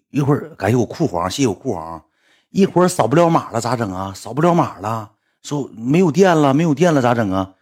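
A husky-voiced man tells rambling stories to his livestream viewers. He talks fast and swings his pitch widely, sounding lively and exasperated. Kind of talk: casual storytelling on a livestream.

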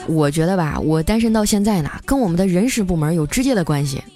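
A young woman host telling a comic story in a chatty way, stretching her sentences with drawn-out particles. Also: lowish voice, expressive, warm tone. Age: young adult. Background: faint background music.

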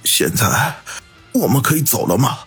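A man's voice: low voice, measured pace, gravelly, husky, soft background music, full character voice. A man voicing a fearful, deferential short assassin who speaks politely and submissively. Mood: pained.

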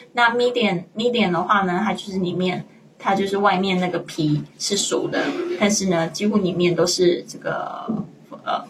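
A woman teaching English online, explaining vocabulary with gentle reminders to the class. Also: mid-range voice, recorded from a distance, a little hiss or hum, poor audio. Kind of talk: online language lesson.

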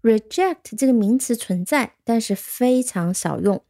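Lady teacher going thru english words real slow, spells stuff out letter by letter, soft mellow voice. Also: on the high side, expressive. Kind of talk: vocabulary lesson.

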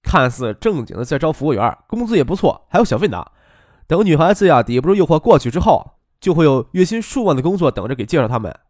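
A man's voice: fairly high pitch, very animated, fast, a little mellow, dry recording, clean studio sound. A man voicing a cynical, wisecracking young man in an audiobook. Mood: sardonic. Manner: sardonic, joking. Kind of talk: audiobook character voice.

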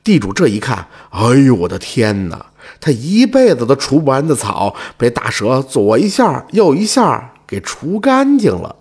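A man telling a folk tale in a lively, animated way. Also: medium pitch, moderate pace, few pauses, breathy edge. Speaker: storyteller.

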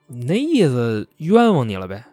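A man's voice: mid-range voice, wildly swooping pitch, moderate pace, darkish tone, no echo, soft background music. A man voicing a sardonic police officer who mocks with dry sarcasm. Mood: mocking.

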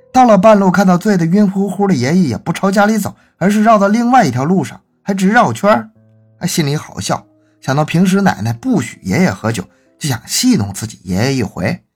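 A male storyteller reading a folk ghost tale, his voice husky and breathy at the edges. He rises and falls in a lively, expressive way, chatty and folksy, with faint music playing beneath. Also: fairly high pitch. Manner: animated, folksy. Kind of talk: storytelling narration.

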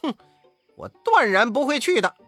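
一位男子在故事中扮演猴王孙悟空，语调高扬，常嘿嘿笑，口气张扬。. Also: male voice, extremely high pitch, very animated, moderate pace, a bit bright, no room sound, soft background music, voice pushed up, heavily acted. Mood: cocky. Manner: laughing "heh heh", brash cries. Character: cheeky boastful male Monkey King, bold and spry.

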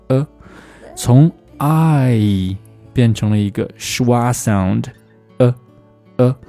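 A man teaching English pronunciation, who slows down to drill phrases again and again. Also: on the low side, warm tone. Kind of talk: spoken language lesson.

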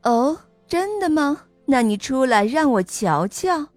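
A woman voicing a calm, knowing mother frog who opens her lines with a gentle, drawn-out oh. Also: high-pitched, dry recording, soft background music, exaggerated voice. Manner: gentle, drawn-out 'oh' openings.

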